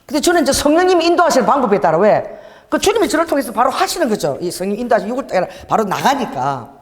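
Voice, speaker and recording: A woman preacher giving a sermon, telling stories in an animated way with bursts of laughter and exclamations. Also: on the high side, rapid-fire. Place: church hall. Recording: long hall reverb.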